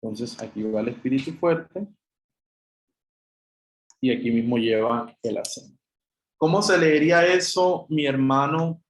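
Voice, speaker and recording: A man's voice: medium pitch, a little slow, pauses often, reverberant, poor audio. A man teaching an online Greek class, explaining patiently step by step and addressing students as brothers, with a Chilean Spanish accent.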